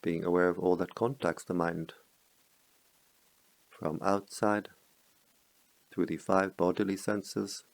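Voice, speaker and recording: The recording is close and dry, free of room echo, and features a middle-aged meditation teacher guiding a meditation. His voice is very low and gravelly; he speaks slowly, softly, and calmly, pausing at length between phrases, and murmurs Pali verses in a low chant.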